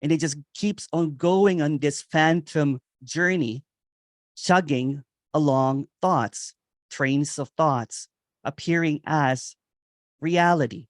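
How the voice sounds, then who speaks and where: A man giving a meditative spiritual reflection on nonduality, repeating phrases and chuckling softly now and then. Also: on the high side, no echo, studio quality. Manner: meditative, repetitive, with soft chuckles. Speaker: nonduality speaker. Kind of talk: slow spoken spiritual reflection.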